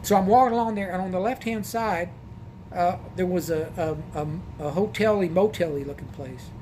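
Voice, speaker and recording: High-voiced man telling a rambling story. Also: normal speed, darkish tone, slight background noise. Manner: rambling, repeats himself. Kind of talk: casual first-person anecdote.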